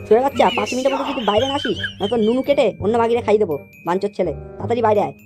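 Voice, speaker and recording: A hot-tempered, foul-mouthed middle-aged father from a comedy cartoon, as a woman acts him out, cursing and bellowing threats at rapid-fire speed. He sits a little high for a man, and music plays clearly behind him. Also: darkish tone, natural voice. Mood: furious. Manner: coarse, swearing, bellowing threats.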